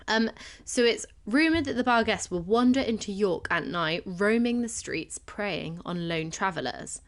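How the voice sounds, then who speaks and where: Tired, giggly Bristolian woman podcaster. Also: medium pitch. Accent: Bristolian English. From Bristol, England. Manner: chatty, giggly, self-deprecating asides. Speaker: podcast co-host. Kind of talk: casual chat, presenting folklore research.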